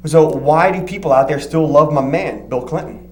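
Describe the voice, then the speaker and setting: A man's voice: on the high side, normal speed, darkish tone. A man hosting a casual studio panel chat, prodding his guests with questions. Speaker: show host. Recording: roomy studio with faint hum.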